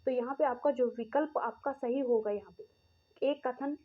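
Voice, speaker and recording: Brief: female teacher, exam-prep lesson, fairly high voice, step-by-step explanations, tinny phone-quality recording. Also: fairly even intonation, normal speed. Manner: explains step by step, addresses students directly.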